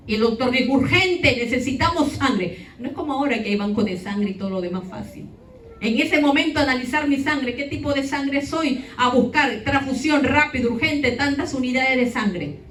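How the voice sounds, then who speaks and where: A woman's voice: a little high, a little hiss or hum. A woman giving an emotional testimony to her congregation, speaking directly to the listeners. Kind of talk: testimony sermon. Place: church hall. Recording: echoey church hall, far off, faint ambience.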